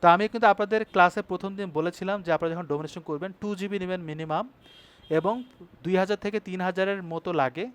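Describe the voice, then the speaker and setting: Male instructor, high voice, brisk tutorial delivery with frequent check-ins to the class. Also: smooth. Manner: brisk, checks in with students often. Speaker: web design instructor. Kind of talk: live online class tutorial.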